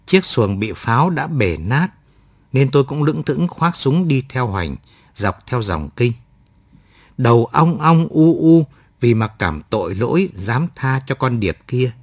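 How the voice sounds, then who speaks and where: Male audiobook narrator, calm and reflective, mid pitch, dry close recording. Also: breathy edge, no echo. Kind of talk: scripted first-person story narration.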